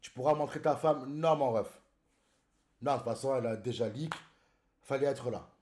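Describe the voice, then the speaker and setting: A man's voice: medium pitch, normal speed, a little mellow, a little hiss or hum. A man streaming live in casual chat, greeting viewers by name and calling them brother.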